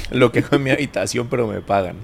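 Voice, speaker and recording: Very deep-voiced woman host. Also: fairly quick, gravelly, slight background noise. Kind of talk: casual interview chat.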